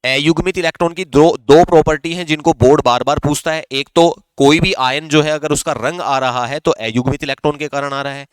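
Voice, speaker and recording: Man teaching chemistry, smooth dry voice. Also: a little high, steady tone, fairly quick, few pauses, no room sound. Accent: Rajasthani Hindi. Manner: explains step by step, asks and answers his own questions. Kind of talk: exam-prep chemistry lesson.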